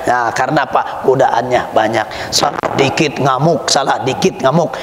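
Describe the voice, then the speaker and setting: A man preaching to a crowd, joking and acting out household scenes with big pitch swings. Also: moderate pace. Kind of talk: sermon. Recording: echoey hall with faint noise.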